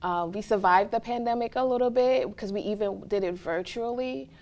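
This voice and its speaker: A woman's voice: mid-range voice, a little fast, darkish tone. Earnest woman from Trinidad and Tobago. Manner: reflective, earnest, often asks "right?". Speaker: interviewee, college staff. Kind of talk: casual interview answers.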